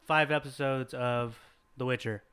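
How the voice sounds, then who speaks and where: A man's voice: medium pitch, steady tone, a little slow, a bit bright, smooth. A man chatting casually as a podcast co-host, rambling with fillers and laughing often. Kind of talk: casual chat.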